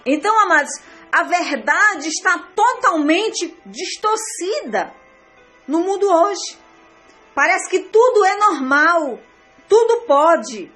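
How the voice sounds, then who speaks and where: A Brazilian woman pastor preaching an earnest sermon at an unhurried pace. Her voice sits high, and she keeps circling back to repeat her points to her beloved listeners. Faint music plays behind her. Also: sing-song, fairly bright tone. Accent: Brazilian Portuguese.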